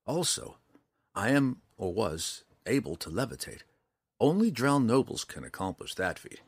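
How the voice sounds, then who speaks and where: A man voicing a calm, polite young male dark elf who speaks in a measured, formal way. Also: fairly low pitch, husky, dry recording, full character voice. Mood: earnest.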